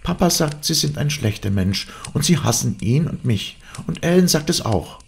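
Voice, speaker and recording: A man's voice: normal speed, vocal fry, a little hiss or hum. A man reading an audiobook aloud, voicing a spirited young woman who pleads and frightens easily. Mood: pleading. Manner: raised, lively girlish pitch.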